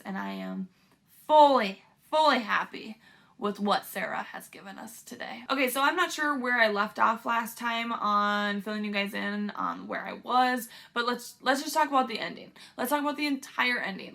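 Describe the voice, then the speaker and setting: Gushing woman with a gravelly edge. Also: fairly high pitch, pushed and bright. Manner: gushing, emotional, lots of "like" and "literally". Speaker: book reviewer. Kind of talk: casual vlog chat.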